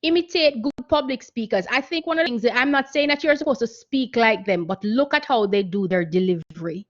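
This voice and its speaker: A guest speaker gives an earnest, instructive seminar on public speaking and voice training over a video call, often repeating her key points. Her voice is a little high, animated, and fairly quick, and the call audio sounds muffled.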